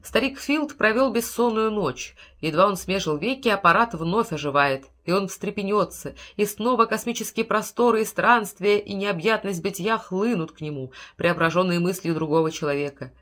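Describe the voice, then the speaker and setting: A woman's voice: medium pitch, lively intonation, normal speed, few pauses, fairly bright tone. Woman narrating a storybook steadily. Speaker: audiobook narrator. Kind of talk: scripted narration.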